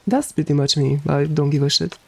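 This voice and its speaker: Brisk and relaxed, an androgynous-sounding Romanian-accented streamer talks casually to chat during a game, swearing freely and filling pauses often. The medium-pitched voice is creaky and husky, and the recording is dry.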